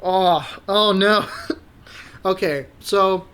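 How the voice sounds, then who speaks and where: A young man co-hosting a podcast in casual chat, relaxed, laughing often and trailing off mid-sentence. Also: high voice, drawn-out words, slight background noise. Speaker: podcast co-host.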